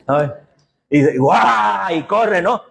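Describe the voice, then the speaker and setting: A man with a high-pitched voice preaches to his congregation, leading them in repeated call-and-response lines and pushing into shouts for emphasis. The sound rings around an echoey church room. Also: expressive, a little slow, a crowd in the background. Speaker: pastor. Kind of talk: sermon. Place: church sanctuary.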